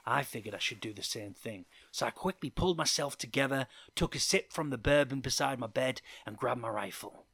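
A man reading a first-person story aloud as scripted narration, with an expressive delivery. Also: mid-range voice, a little fast, hardly any pauses, breathy edge, dry recording.

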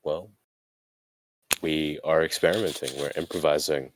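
A young man with a deep voice co-hosting a casual podcast, teasing with deadpan asides. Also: moderate pace, a little hiss or hum. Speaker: podcast co-host.

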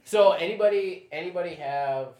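A man's voice: sits high, moderate pace, crowd noise. Rambling young man in a roomy echo. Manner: relaxed, rambling, trails off and restarts. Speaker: discussion moderator. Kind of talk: casual roundtable chat.

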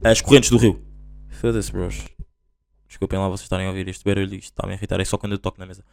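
A young man with a European Portuguese accent hosting a solo podcast, rambling and slangy as he tells stories in a casual, animated way. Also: low-pitched, very fast, creaky, clear, resonant tone. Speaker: podcast host.

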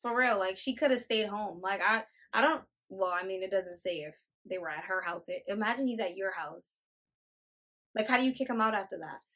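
A woman's voice: mid-range voice, brisk, a bit bright. A young woman with a mid-range voice co-hosts a casual podcast. She speaks emphatically and leans on fillers as she talks. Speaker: podcast co-host. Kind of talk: casual chat.

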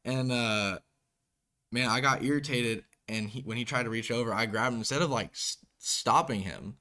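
A young man, a college football player, hosting a casual interview and telling stories in a relaxed way. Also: medium pitch, moderate pace. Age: young adult. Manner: relaxed storytelling, animated when quoting others.

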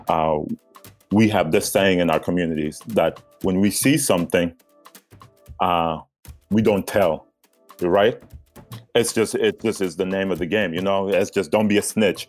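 A man from South Sudan co-hosting a podcast, talking earnestly with frequent restarts. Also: low-pitched. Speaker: podcast co-host. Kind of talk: casual podcast intro.

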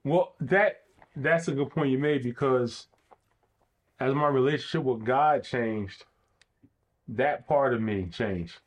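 A man speaking as a guest in a reflective conversation, earnest and thoughtful, pausing as he searches for words. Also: mid-range voice, highs cut off.

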